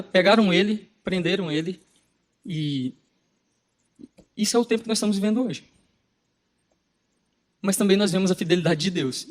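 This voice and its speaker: A man with a Brazilian Portuguese accent preaching a sermon, telling a personal story in an animated way and acting out the dialogue. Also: high voice. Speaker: pastor.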